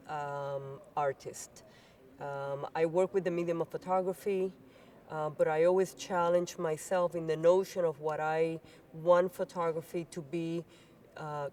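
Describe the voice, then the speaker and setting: A woman's voice: lowish voice, fairly even intonation, unhurried, a little mellow, far from the mic. Hesitant woman speaking a little off-mic. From Cuba, raised in Puerto Rico. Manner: searching, hesitant phrasing. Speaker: panel artist. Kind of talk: unscripted panel remarks. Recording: voice somewhat off-mic.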